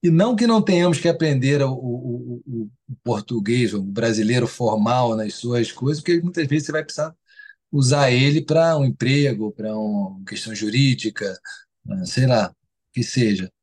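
A man's voice: mid-range voice, normal speed, darkish tone, slightly rough. A man speaking as an interview guest in a casual, enthusiastic, rambling way, with many restarts and casual swearing.

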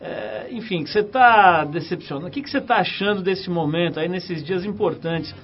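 A man's voice: high voice, moderate pace. A man with a São Paulo Brazilian accent hosting a radio show in a casual, chatty, slangy way. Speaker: radio host. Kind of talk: casual radio interview and magazine-show presenting. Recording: dull radio broadcast with music.

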